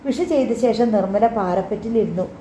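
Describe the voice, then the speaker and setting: A woman narrating a novel as an audiobook reader, in calm, measured storytelling. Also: on the high side, slight background noise. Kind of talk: scripted narration. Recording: roomy, slightly dull recording.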